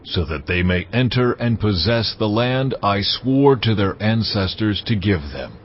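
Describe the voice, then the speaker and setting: A commanding God of scripture drama. The voice is low and solemn, on a slightly muffled track with some ambient noise. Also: male voice, expressive, measured pace. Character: God, commanding male divine voice. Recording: dull, noisy track with ambient sound.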